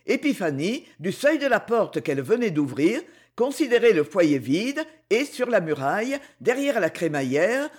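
A woman reads a novel aloud in a measured, expressive narrating voice. Her intonation is lively, with a wide, animated pitch range. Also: husky. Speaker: audiobook reader.

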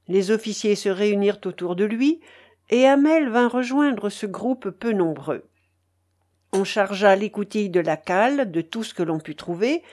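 A woman reading a story aloud as an audiobook narrator, in a measured, dramatic way. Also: mid-range voice, a little mellow.

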